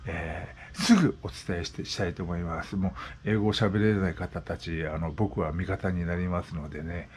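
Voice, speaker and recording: A man's voice: sits low, fairly even intonation, moderate pace, hardly any pauses, a little hiss or hum. A man in his sixties talking casually as a vlogger, explaining things with repeated examples. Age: 60s. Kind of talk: casual monologue. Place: West Oahu, Hawaii.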